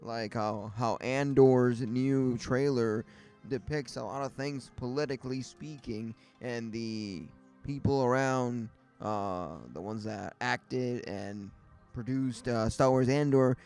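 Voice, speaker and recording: A man's voice: mid-range voice, slow, a little mellow. A man hosting a casual livestream chat, rambling with lots of fillers and restarts, faint music behind him. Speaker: livestream host.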